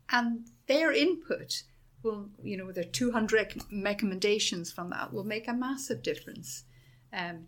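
A middle-aged woman with a Dublin Irish accent, a university principal answering interview questions with enthusiasm and many restarts. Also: on the low side. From Ireland.

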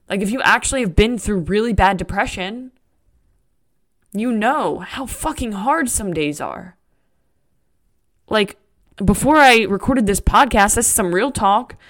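A woman's voice: medium pitch, animated, normal speed, long pauses, a bit bright. A woman hosting a podcast, talking candidly in a motivational monologue with a frank, emphatic, casual manner. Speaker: podcast host.

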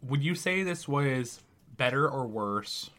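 Lively, joking podcast co-host man. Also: medium pitch, takes it slowly. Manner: joking, exaggerated disgust. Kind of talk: casual podcast chat.

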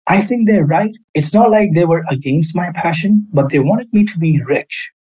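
Husky-voiced man from Pakistan. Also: a little high, animated, normal speed, mellow, poor audio. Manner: earnest, expansive storytelling. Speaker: podcast guest, entrepreneur. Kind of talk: casual interview answers.

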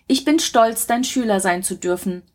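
A woman's voice: fairly high pitch, normal speed, lightly acted. A woman voicing a devoted young male forest archer who speaks humbly and earnestly to his teacher.

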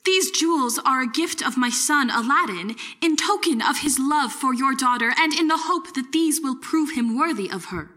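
A woman's voice: high voice, expressive, moderate pace, hardly any pauses, sharp tone. A woman playing a poor, worried older mother with a fretful, pleading manner.

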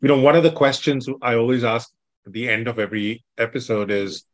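A man hosting a podcast interview, enthusiastic and quick to repeat praise. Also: mid-range voice, no echo. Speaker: podcast host.

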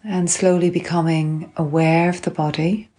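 A woman instructor calmly and gently guiding a grounding exercise, unhurried, with long pauses between phrases. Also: on the low side. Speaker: guided relaxation instructor. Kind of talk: calm guided grounding exercise.

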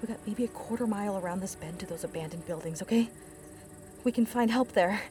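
Her warm, natural, medium-pitched voice comes fast over soft background music as an actress portrays a determined, protective hiker in a full-cast audio drama. The character is urgent and foul-mouthed but reassuring under pressure.

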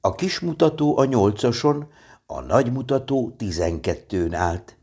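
A man calmly reading a children's storybook aloud. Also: medium pitch, slightly rough.

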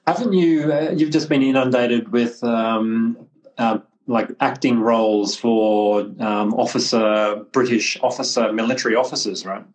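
A man's voice: mid-range voice, fairly even intonation, unhurried, low-quality recording. A man hosting a casual podcast, friendly and rambling, often restarting his sentences. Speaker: podcast host, clinic representative.

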